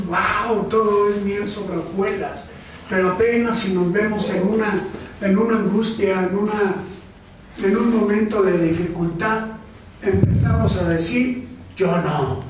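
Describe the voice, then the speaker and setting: A man preaches in a high, unhurried voice, often pausing to check in with his listeners. He sounds set back from the mic, his words ringing through a very echoey church. A faint hum sits under the whole recording. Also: distant mic. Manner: slow, conversational preaching with frequent "¿sí?" and "este". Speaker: pastor. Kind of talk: sermon.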